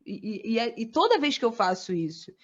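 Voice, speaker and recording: A woman's voice: fairly high pitch, big pitch swings, moderate pace, muffled recording. A woman guest on a casual podcast, talking emphatically and repeating words for stress.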